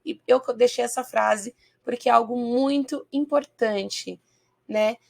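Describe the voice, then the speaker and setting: A woman with a Brazilian Portuguese accent gives a patient English lesson on video. Her voice sits a little high with a noticeable gravelly fry. She keeps checking in with her viewers and slows down to model each phrase. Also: darkish tone. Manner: patient, checks in often with listeners. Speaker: English teacher.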